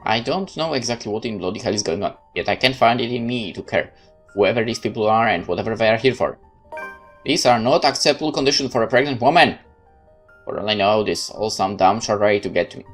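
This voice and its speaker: A let's-play narrator delivers a theatrical, measured first-person reading of a horror visual novel. His lowish voice is animated, and faint music can be heard underneath.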